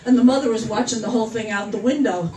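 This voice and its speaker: A woman's voice: fairly high pitch, fast, mellow, slight background noise. A woman in her seventies telling jokes at her own birthday party, chuckling at her own punchlines. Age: 70s. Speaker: birthday party joke teller. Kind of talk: casual stand-up joke telling. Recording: echoey room, far from the mic.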